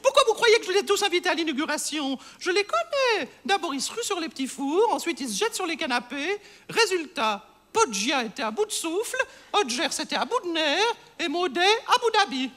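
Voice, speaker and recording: A man's voice: very high-pitched, very animated, brisk, pushed and bright, heavily acted. A man playing a fussy, scheming, overdramatic middle-aged landlady in a stage comedy sketch, simpering and stammering into melodramatic outbursts. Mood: smug, mocking.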